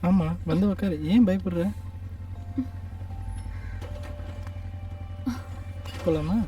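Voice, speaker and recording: A man's voice: high voice, steady tone, fairly quick, mellow, close to an everyday voice. An actor playing a young male driver who coaxes and courts the woman he loves in a tender way, in a distant film recording over music. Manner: coaxing, tender.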